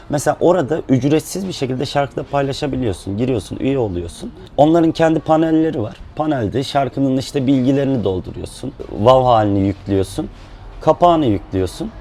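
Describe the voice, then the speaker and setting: Relaxed man with a dark voice. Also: medium pitch, brisk, slight background noise. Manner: relaxed and explanatory, with frequent fillers. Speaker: independent musician and guest. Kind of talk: casual chat.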